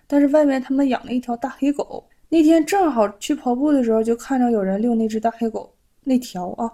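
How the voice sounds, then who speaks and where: A woman from China tells a personal story in a casual vlog. Her voice sits a little high but sounds mellow and warm. She keeps it animated, acting out both sides of the exchange with frequent exclamations. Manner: animated, reenacts dialogue with exclamations. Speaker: vlogger.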